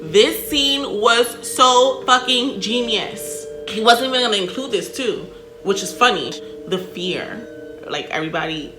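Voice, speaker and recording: An American woman giving casual reaction commentary in an animated, emphatic way with plenty of swearing and slang. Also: fairly high pitch. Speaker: reaction video host. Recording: roomy echo, music behind.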